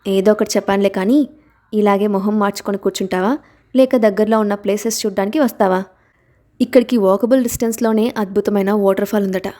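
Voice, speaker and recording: A woman reads an audiobook aloud in a tender mood, talking fast with a dark, natural tone and fairly even intonation. She voices a protective, commanding young husband only a little lower than her narration, without a big change of voice.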